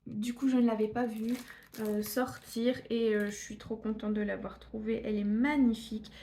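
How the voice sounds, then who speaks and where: Chatty French woman, mellow voice. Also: a little high, little pitch movement, moderate pace. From northern France. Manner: chatty, hesitant, many fillers and restarts. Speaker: scrapbooking YouTuber. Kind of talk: casual haul video.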